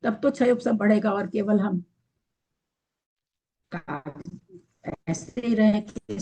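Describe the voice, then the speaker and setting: A woman's voice: medium pitch, takes it slowly, warm tone, breathy edge, poor audio. A woman teaching an online scripture class, explaining patiently step by step while her audio cuts in and out over a weak connection. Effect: audio cutting in and out over a weak connection.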